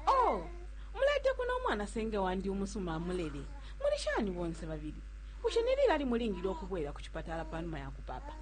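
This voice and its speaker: Woman acting a caring, animated experienced mother. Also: medium pitch, rapid-fire, a crowd in the background. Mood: reassuring, advising. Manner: reassuring, persuasive. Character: caring experienced mother advising a younger new mother. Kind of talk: acted health radio spot dialogue. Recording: humming, slightly noisy recording.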